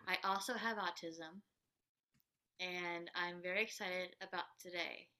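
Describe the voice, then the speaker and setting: A woman in her thirties introducing herself slowly and earnestly in a group discussion. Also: fairly low pitch, steady tone, very noisy. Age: 30s. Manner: slow, careful, earnest. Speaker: radio program participant.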